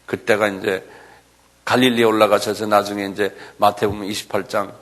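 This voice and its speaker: A middle-aged male pastor preaching a sermon, acting out quoted lines with shouts and often asking the congregation "예?". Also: lowish voice, flat delivery, fairly quick. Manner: acts out quoted voices, shouting and pleading; asks the audience "예?" often.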